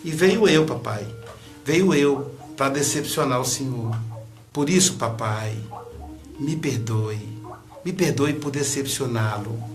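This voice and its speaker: Guy doing hoarse sick young son, brazilian accent, quiet and sorry, faint music. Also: medium pitch, slow pace, close to an everyday voice. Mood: apologetic. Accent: Brazilian Portuguese. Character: young man, gravely ill son, gentle and ashamed.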